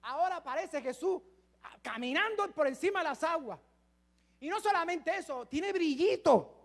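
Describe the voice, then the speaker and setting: A man with a notably high voice preaching a sermon as pastor. He talks to the congregation in a joking, chatty way, then drops to near-whispered asides and builds to shouted peaks of emphasis. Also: lively intonation, moderate pace. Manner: dramatic preaching, swinging from hushed asides to shouted climaxes; conversational and humorous with the congregation.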